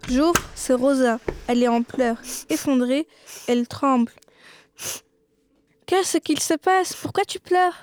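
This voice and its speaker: A woman playing a gentle comforting friend. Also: sits high, slow, long pauses, no echo. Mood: caring. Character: caring friend, gentle and worried.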